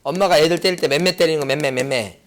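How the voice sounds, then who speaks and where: A man's voice: a little high, quick pace. A middle-aged man giving an exam prep lecture, asking rhetorical questions and repeating key points. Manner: lively, rhetorical questions and repetition.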